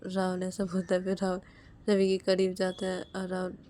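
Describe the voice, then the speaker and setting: A woman's voice: on the low side, monotone, moderate pace, warm tone, slight background noise. A woman narrating a romance story in a plain, conversational way, with repetitive linking phrases. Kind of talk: casual spoken story narration.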